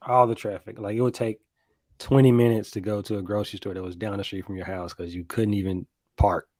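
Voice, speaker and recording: A man from the American South with a Southern accent, co-hosting a podcast and recapping scenes in a relaxed, casual way. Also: lowish voice, fairly quick, no echo. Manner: laid-back storytelling, recaps scenes with quoted lines. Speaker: podcast co-host. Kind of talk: casual chat.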